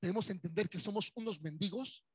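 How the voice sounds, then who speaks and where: A man's voice: sits high, a little fast, breathy edge, dry recording. A man with a Mexican accent preaching a Sunday sermon as pastor, in a conversational way. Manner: conversational preaching, acts out churchgoers' voices.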